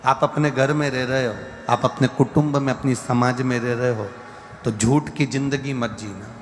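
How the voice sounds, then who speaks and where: A man preaching a devotional sermon from central India, slow and repetitive, building his points through lists. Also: medium pitch, steady tone. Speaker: religious storyteller. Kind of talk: devotional sermon with sung verses. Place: large live gathering hall. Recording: long hall reverb with faint music.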